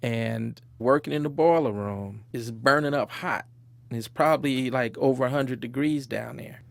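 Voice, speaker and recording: Gravelly man telling family memories. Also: medium pitch, normal speed, no echo. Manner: reflective, chuckles while recalling. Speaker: interviewee. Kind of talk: personal storytelling interview.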